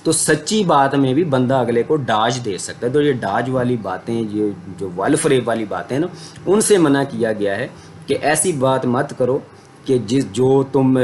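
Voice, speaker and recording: A man's voice: mid-range voice, slight background noise. A man teaching a religious studies lesson in a conversational, explanatory way, using everyday examples. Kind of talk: Islamic studies lecture.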